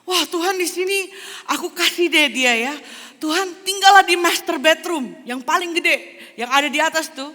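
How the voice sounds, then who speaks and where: A woman preacher voicing an excitable homeowner man in a sermon story, with loud, shrill exclamations. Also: normal speed, in a large hall. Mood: eager. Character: excitable homeowner man, eager then indignant.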